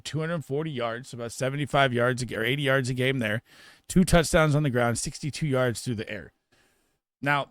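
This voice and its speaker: A man offers casual fantasy football start-and-sit analysis, speaking emphatically and rapidly and often restarting his sentences. His pitch is medium, the tone fairly bright, and there's no echo.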